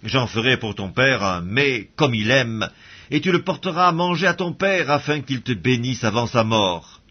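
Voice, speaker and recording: Persuasive scheming mother read by a man; husky, dull recording. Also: mid-range voice, lively intonation, normal speed. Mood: urging. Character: scheming mother urging her younger son. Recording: dull lo-fi audio.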